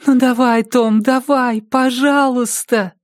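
A man's voice: very high voice, fairly even intonation, slow, no room sound, studio quality, pitched above the performer's own voice. A man voicing an anxious young girl who pleads in a near whisper in an audiobook reading. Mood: begging. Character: anxious young girl, baseball fan, alone in the dark.

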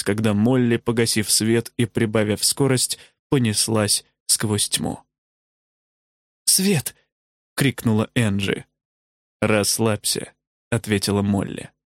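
A man narrates a novel in a measured audiobook reading. His voice sits at a middle pitch. The recording is dry and close, with almost no room sound, and his pace quickens or slows with the story. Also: no room sound.

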